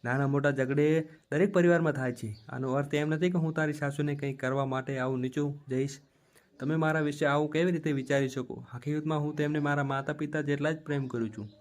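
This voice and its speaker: A man's voice: a little high, natural voice. A man voicing a young wife who defends herself against suspicion, in a storybook narration. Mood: indignant. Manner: defensive, protesting.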